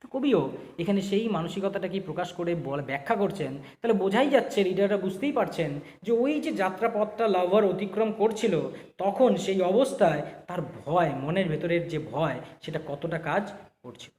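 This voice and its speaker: A man's voice: high-pitched, lively intonation, moderate pace, a little mellow, in a large hall. A male teacher explains a poem line by line. He often asks a question and then answers it himself, and he repeats words as he goes. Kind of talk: classroom poetry explanation.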